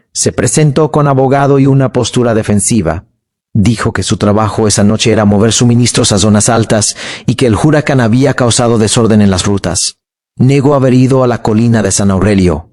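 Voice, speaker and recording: A man narrating a fictional crime story in a calm, measured documentary style. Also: lowish voice. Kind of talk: scripted true-crime narration.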